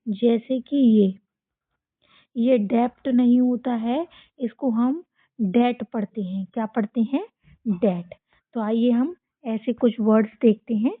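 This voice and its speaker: A woman with an Indian accent teaching a children's phonics lesson, drilling words slowly and asking the children to repeat after her. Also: on the high side, no echo. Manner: slow, drilling repetition with call-and-response questions. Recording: tinny, phone-like dry sound.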